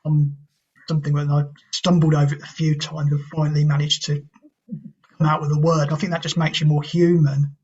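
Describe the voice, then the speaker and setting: A man with a husky, fairly high voice in a flat, narrow tone. He chats casually on a video call and agrees often. The audio is dull and lo-fi. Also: fairly quick. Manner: agreeable, says yeah often. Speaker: club member.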